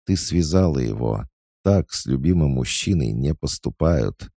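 A man's voice: rumbling low, expressive, measured pace, creaky, dark tone, slightly rough, no room sound, clean studio sound, pitched above the performer's own voice, exaggerated voice. A man voicing a haughty, jealous young woman who speaks in a cold, threatening way. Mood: menacing.

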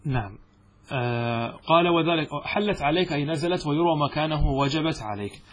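Husky man teaching a grammar lesson. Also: on the high side, fairly quick. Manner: explains step by step, asks the students questions and answers them himself. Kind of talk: classroom lecture.

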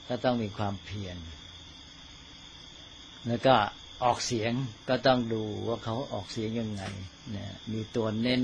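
Monk teacher, informal dharma talk, deliberate pacing, keeps checking in with listeners. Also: male voice, mid-range voice, a little hiss or hum.

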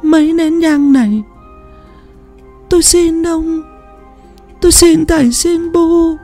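A woman's voice: extremely high pitch, steady tone, takes it slowly, dark tone, faint music behind. A woman voicing a grieving old widow who pleads through tears. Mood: tearful pleading. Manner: tearful, pleading, sobbing. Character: grieving old widow haunted by her husband.

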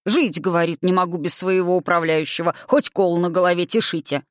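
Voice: medium pitch, fairly even intonation, fairly quick, dry recording, studio quality, lightly acted. The reader voicing a blunt old male cossack chief in an audiobook, folksy and grumbling.

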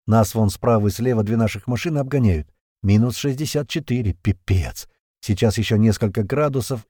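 A man narrating a tense first-person audiobook, with swearing and lively storytelling. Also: medium pitch, dry recording, studio quality.

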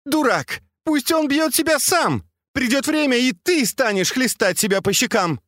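A man reading aloud, voicing an imperious, sharp-tongued noblewoman who scolds and commands her servants. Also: deep voice, big pitch swings, a little slow, dry recording, pitched above the performer's own voice. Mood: furious.

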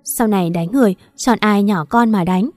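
A woman's voice: medium pitch, normal speed, a little mellow, dry recording, lightly acted. A woman voicing a firm, scolding young husband who is a policeman. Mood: stern.

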